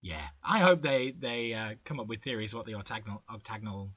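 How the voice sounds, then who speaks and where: A male podcast host in a casual chat, easygoing and quick to laugh. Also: lowish voice, fairly bright tone, dry recording, dull audio.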